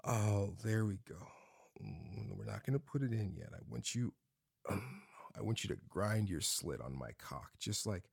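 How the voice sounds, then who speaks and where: A man speaking softly in an intimate roleplay, murmuring with frequent hums and slipping into breathy whispers. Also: fairly low pitch, expressive, unhurried, no echo, clean studio sound. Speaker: audio roleplay performer.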